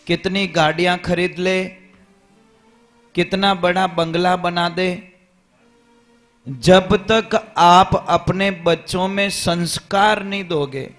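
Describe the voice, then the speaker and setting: A man's voice: sits high, level tone, slow pace, pauses often, fairly bright tone, faint music behind. A man with a Rajasthani accent preaching a devotional sermon, telling a family story and acting out its dialogue.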